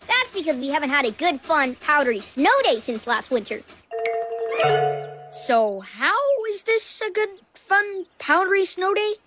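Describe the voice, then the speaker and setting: A woman voicing an eager, easily distracted young boy steam engine in a cartoon, talking excitably. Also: high-pitched, a little slow. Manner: excitable, bouncy, shouts catchphrases. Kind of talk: cartoon voice acting. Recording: studio cartoon audio with loud music. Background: cartoon music.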